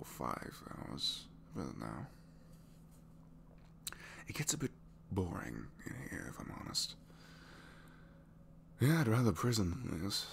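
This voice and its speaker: In an intimate ASMR roleplay, a man with a deep, creaky, heavily acted voice plays a captured supervillain who is reluctant, dry, and sheepish. He complains in a hesitant, rambling manner, sounding bored and wry, with faint background noise.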